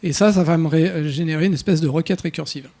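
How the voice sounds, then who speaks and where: A man's voice: a little high, quick pace, mellow. A man speaking at a developer conference, explaining code live in a casual way with many fillers and restarts. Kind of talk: live coding talk. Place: conference room.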